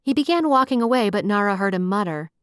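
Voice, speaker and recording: A woman narrating a romance audiobook in an even, measured storytelling voice. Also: mid-range voice, smooth, dry recording, clean studio sound.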